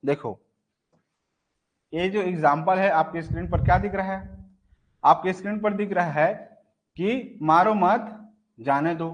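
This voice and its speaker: Teaching an online exam-prep class, this young man speaks in a high-pitched, fairly even voice at an unhurried pace with long pauses, and the sound is lo-fi. He repeatedly poses rhetorical questions to check comprehension and performs sample phrases.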